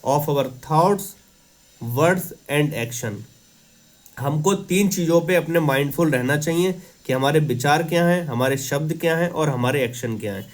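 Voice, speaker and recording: A man with a slightly raised pitch teaches an exam-prep class. He reads each English line slowly, then explains it calmly in mixed Hindi and English. His tone stays reflective and steady.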